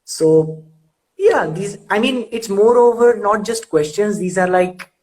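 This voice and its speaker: Hombre joven que entrevista con risas y titubeos, voz algo aguda por videollamada. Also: male voice, high voice, darkish tone, poor audio. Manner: laughing, halting, repeats words. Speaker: host. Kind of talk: casual video-call interview.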